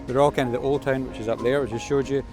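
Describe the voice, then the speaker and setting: A man's voice: medium pitch, steady tone, fast talker. Scottish male vlogger, casual and rambling, outdoor city streets with music bed. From Scotland. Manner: chatty, loose and rambling, with fillers and Scottish words. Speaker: photography vlogger. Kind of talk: casual walking vlog.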